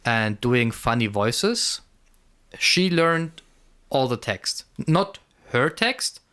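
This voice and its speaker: A man's voice: mid-range voice, big pitch swings, extremely slow, bright, forceful tone, smooth. A man co-hosting a casual podcast, rambling and repeating words as he thinks aloud. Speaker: podcast co-host. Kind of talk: casual conversational podcast chat.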